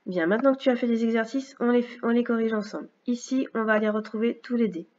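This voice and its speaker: A woman teacher giving a recorded phonics lesson, speaking slowly and clearly with patient explanations for a young child. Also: fairly high pitch, darkish tone, muffled recording. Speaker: first-grade teacher.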